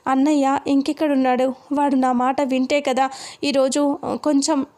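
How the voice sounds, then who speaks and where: Woman doing grieving mother, high voice, little pitch movement. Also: flat delivery, moderate pace, a little mellow, lightly acted. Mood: distressed. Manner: retold plainly in the narrator's own voice. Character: grieving middle-aged mother, shaken and despairing.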